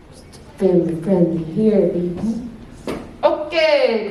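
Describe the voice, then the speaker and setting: A woman's voice: fairly high pitch, a little mellow. A woman in her twenties giving a playful, teasing workshop talk as a convention guest and calling the audience babes. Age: 20s. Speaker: cosplay guest and workshop presenter. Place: convention panel room. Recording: very echoey room, speaker far from the mic.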